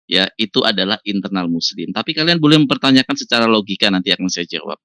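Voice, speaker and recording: Forceful man explaining in measured terms. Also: lowish voice, very animated, dry recording, clean studio sound. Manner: measured, explanatory, addresses others politely. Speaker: debater. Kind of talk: online religious debate. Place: online voice chat room.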